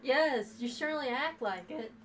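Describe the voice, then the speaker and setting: A woman's voice: high voice, moderate pace, fairly bright tone. A woman playing a tabletop game, speaking bluntly with a sarcastic edge. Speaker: player.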